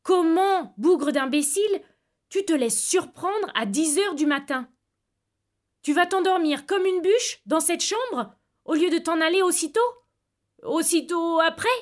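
A woman reading aloud voices a stern, angry older uncle who scolds and lectures gravely. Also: very high voice, unhurried, pitched above the performer's own voice. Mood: scolding.

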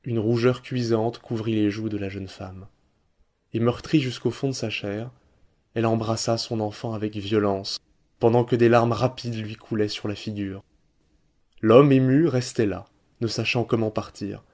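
Mellow-voiced male story narrator. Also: on the low side. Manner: measured, expressive storytelling. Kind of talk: literary audiobook reading.

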